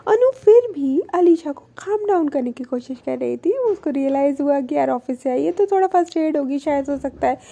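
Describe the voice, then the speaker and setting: Young woman storyteller, casual retelling, chatty, very high-pitched, soft mellow tone. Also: lively intonation, moderate pace, creaky, few pauses. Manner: chatty, mixes English into Hindi, laughs.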